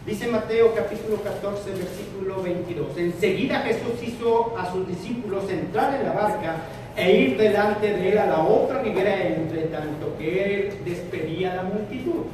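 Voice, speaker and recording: A man preaching a sermon to a congregation, animated, swinging between loud and soft. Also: sits high, normal speed, background noise. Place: church hall with congregation. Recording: echoey hall, from far off. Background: congregation answering.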